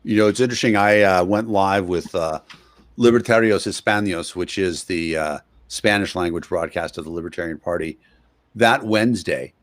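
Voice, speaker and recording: A man hosting an interview over a video call, conversational, pausing often with hesitations. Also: low voice, no room sound. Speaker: guest host.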